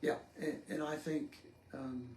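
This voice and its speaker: A man with a fairly high voice talks slowly through a casual Bible study, pausing often and filling the gaps with ums. His voice rings in an echoey church room over a faint hiss. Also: steady tone, a little mellow. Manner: slow and halting, many ums.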